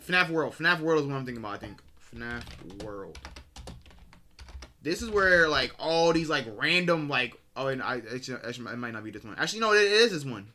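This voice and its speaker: A man's voice: mid-range voice, expressive, a little fast, bright, forceful tone. A man casually reacting to a video, rambling, correcting himself and talking to his viewers in slang.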